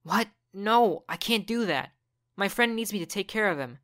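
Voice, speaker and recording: A woman's voice: mid-range voice, expressive, moderate pace, a bit bright, no echo, clean studio sound, voice pushed up, natural voice. A woman voicing a frightened teenage boy who pleads with and protests to his mother. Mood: pleading.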